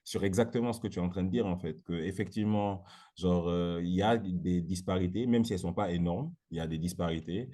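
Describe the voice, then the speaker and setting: A man's voice: low voice, a little fast, dark tone. A man hosting a casual debate chat, talking hesitantly in slang, often restarting his words. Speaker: host.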